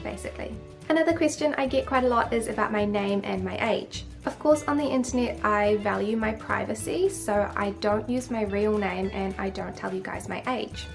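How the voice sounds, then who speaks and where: A young New Zealand woman with a medium-pitched voice and vocal fry chats to camera as a beauty vlogger, answering viewer questions in a casual Q&A. She's talkative and matter-of-fact, and her New Zealand accent slips into a few English-sounding words.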